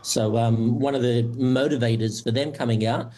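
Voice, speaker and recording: A middle-aged man from Romania, a church administrator and pastor, giving steady interview answers. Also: mid-range voice. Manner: measured, steady answers with occasional "uh" fillers.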